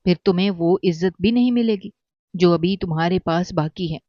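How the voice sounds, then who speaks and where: A man's voice: high voice, no room sound, close to an everyday voice. A man voicing a bitter, wronged young mother who speaks coldly and scornfully, in a dull, dry recording. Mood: harsh.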